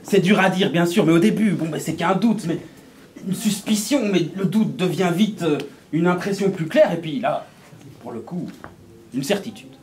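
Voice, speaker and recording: A man's voice: high voice, normal speed, slight background noise. A man with a Brussels French accent telling a folk tale with chatty asides to his audience. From Belgium. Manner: lively, chatty, full of asides to listeners. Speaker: storyteller. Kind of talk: oral storytelling performance.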